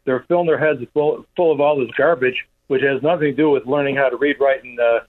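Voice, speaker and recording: A man calling in to a radio show on a speakerphone from his office, ranting in a rapid, heated way. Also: mid-range voice, steady tone. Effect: calling in on a speakerphone over a phone line. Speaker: radio call-in caller. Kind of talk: call-in talk radio. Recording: tinny speakerphone line.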